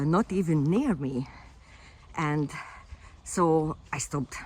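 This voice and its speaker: With slight noise in the background, a low-voiced Hungarian woman who works as a fitness coach chats informally to the camera in a personal vlog. She talks off the cuff, restarting often and filling pauses.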